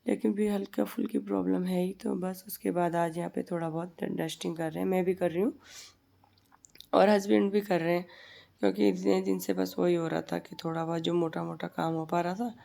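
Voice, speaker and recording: A Hindi family vlogger narrates a casual voice-over, recorded separately from the footage, in a low, gravelly voice made hoarse and heavy by a sore throat. She's chatty and rambling, repeats herself, and speaks fairly quickly with a warm tone and fairly even intonation.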